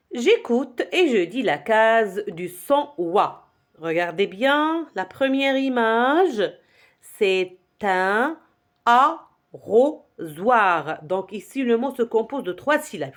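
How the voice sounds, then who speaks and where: This is a woman leading a phonics lesson for young children. She talks at a very slow pace, with a lively pitch that swoops up and down. She repeats each word and syllable so the children can echo it back. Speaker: teacher.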